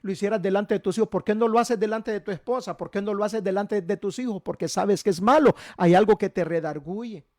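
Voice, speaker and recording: High-voiced pastor preaching. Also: male voice, fairly quick, few pauses, a little mellow, no echo, studio quality. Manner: folksy storytelling, keeps asking "¿verdad?". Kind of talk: sermon.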